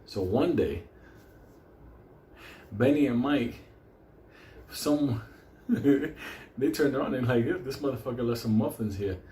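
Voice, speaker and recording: A medium-pitched man with a dark tone takes his time, pausing often as he tells rambling, profane stories for laughs. Spanish is his first language, and he is from Puerto Rico or a Puerto Rican community; as host and storyteller he swears a lot and frequently breaks into laughter. The room sounds echoey, with faint background noise.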